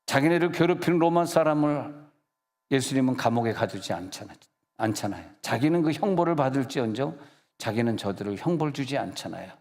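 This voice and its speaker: A man's voice: mid-range voice, animated, fairly quick, vocal fry, darkish tone. A male senior pastor preaching a conversational sermon, joking with the congregation and acting out quoted voices. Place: church sanctuary. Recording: long church hall reverb.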